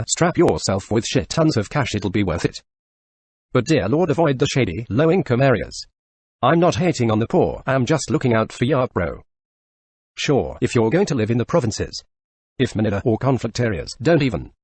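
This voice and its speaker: A synthetic male text-to-speech voice narrating forum posts, reading short posts back to back in even sentences. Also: medium pitch, slightly rough, no room sound.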